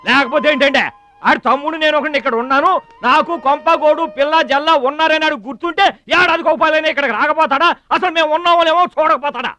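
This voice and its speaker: A man's voice: very high-pitched, steady tone, fast, sharp tone, soft background music. A middle-aged man in a film, speaking emphatically and effusively as a hospitable younger brother. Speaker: younger brother of the household head. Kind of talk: film dialogue.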